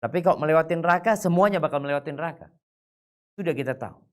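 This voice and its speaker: A man's voice: lively intonation, racing. A man giving an Islamic lecture, reciting Arabic quotations and then explaining them in casual, chatty speech with colloquial asides. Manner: swings widely between high and low, loud and soft. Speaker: Islamic preacher. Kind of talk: religious lecture.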